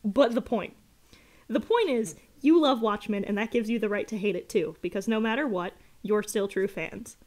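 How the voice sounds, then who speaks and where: A woman's voice: medium pitch, normal speed, darkish tone. A woman hosting a livestream, reading a letter aloud and picking it apart in an exasperated, sarcastic rant with swearing. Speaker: livestream host.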